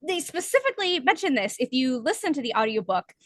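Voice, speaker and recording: A woman co-hosting a book podcast in casual chat, explaining points at length with lively emphasis. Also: high-pitched, quick pace, no echo. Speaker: podcast co-host.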